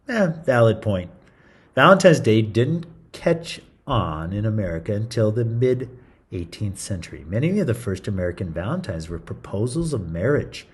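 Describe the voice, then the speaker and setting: Reading to kids, a man with a voice on the low side and a breathy edge performs the story theatrically and playfully. He keeps interjecting chatty asides aimed at the young audience.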